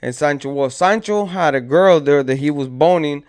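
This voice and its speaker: Smooth-voiced man telling a street story. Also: a little high, moderate pace, a little mellow. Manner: rambling, slang-heavy, acts out friends' quotes. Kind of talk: casual street-slang storytelling.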